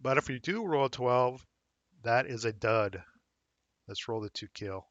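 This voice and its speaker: A man with a slightly hoarse voice walks through game rules in a relaxed, thinking-aloud way, dropping fillers as he checks details. The recording is close and dry with no room sound, and a bit dull in the highs. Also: a little slow, no room sound. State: slightly hoarse, losing his voice. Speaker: wargame tutorial host.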